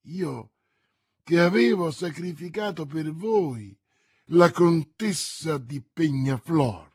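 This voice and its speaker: A man's voice: fairly high pitch, lively intonation, slow, a little mellow, husky, no echo, studio quality, heavily acted. A man voicing a vain, boastful musketeer who declaims grandly and pities himself. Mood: indignant boasting. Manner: pompous, theatrical declaiming.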